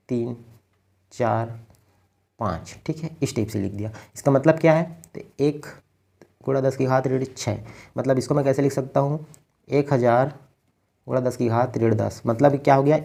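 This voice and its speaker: A man from India giving a patient physics lecture, explaining each step slowly and often checking in with his students. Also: medium pitch, creaky, dark tone. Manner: keeps checking in with "ठीक है". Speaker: physics teacher. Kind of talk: blackboard lecture.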